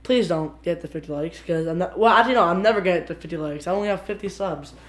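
A woman hosting a casual home vlog, excitable and rambling, dropping 'frick' and 'bro' constantly as she moves around her kitchen. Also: lowish voice, quick pace. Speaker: channel host. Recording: echoey room.

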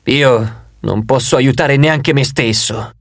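A man voicing a sad, hopeless male giant with a hundred hands who whimpers slowly in despair. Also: mid-range voice, no room sound, studio quality, voice pushed down.

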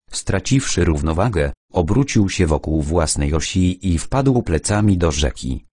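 A man narrating an audiobook in a calm, even storytelling manner. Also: deep voice, no room sound, clean studio sound.

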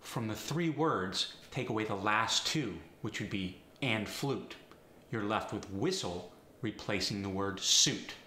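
Bright-voiced, deliberate middle-aged man presenting. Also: lowish voice. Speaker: presenter, slang teacher. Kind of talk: scripted instructional presentation to camera. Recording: roomy echo, faint background noise.

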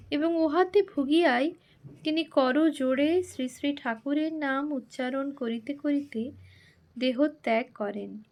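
A woman reads a devotional biography in formal literary prose. Her voice sits high and her pace is slow and deliberate, with a steady, reverent recitation throughout. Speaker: narrator. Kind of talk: reading a devotional biography aloud.

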